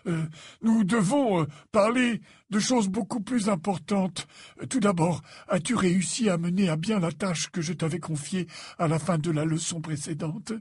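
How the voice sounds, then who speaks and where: A man voicing an old headmaster wizard who speaks in a measured, patient, slightly tired way. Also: high-pitched, darkish tone, husky, no echo, clean studio sound, pitched above the performer's own voice. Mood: weary patient. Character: old male headmaster wizard, weary and gently formal.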